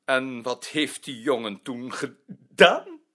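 A man's voice: mid-range voice, very animated, takes it slowly, a bit bright, heavily acted. An actor playing a prim male office director who talks hesitantly, stammering now and then. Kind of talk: drama acting.

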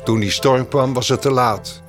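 A man voicing a kind but boastful male mockingbird in a children's story, in a slightly raised, lively tone. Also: medium pitch, normal speed, faint music behind, voice pushed up, natural voice. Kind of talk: storybook narration.

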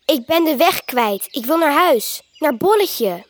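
A little lost mouse from a children's storybook speaks in a very high, squeaky voice. He sounds plaintive and childlike, small and timid. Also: expressive, measured pace, fairly bright tone, exaggerated voice.

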